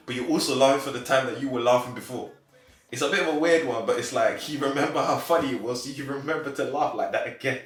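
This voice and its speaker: A young man in his twenties answering interview questions casually, animated and quick to laugh. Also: mid-range voice. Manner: animated, laughs easily, acts out quotes. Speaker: interview guest. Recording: roomy echo, faint background music.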